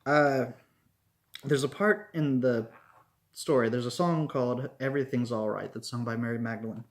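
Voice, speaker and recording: A man's voice: medium pitch, normal speed. Guy rambling thru a review, lots of likes and ums, regular mid voice. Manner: rambling, lots of fillers and restarts. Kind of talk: casual spoken review.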